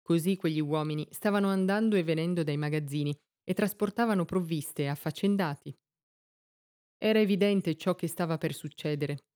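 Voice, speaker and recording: Woman reading a story aloud, lowish warm voice, measured and expressive. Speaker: narrator. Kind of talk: scripted storybook narration.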